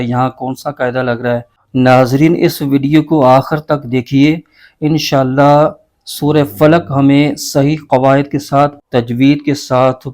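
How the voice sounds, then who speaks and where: Man giving a tajweed lesson, steady monotone, patient and methodical, drags out letters when he spells them. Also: mid-range voice. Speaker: Quran recitation teacher.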